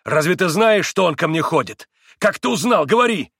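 A male reader voicing a tormented, fierce young man who shouts demands and then turns icy cold. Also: mid-range voice, animated, moderate pace, dry recording, clean studio sound, lightly acted. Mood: frantic.

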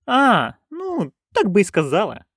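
A male reader voicing a loud, bossy old witch woman who shrieks and scolds. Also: high-pitched, wildly swooping pitch, unhurried, slightly rough, no room sound, studio quality, pitched above the performer's own voice, full character voice. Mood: grumbling.

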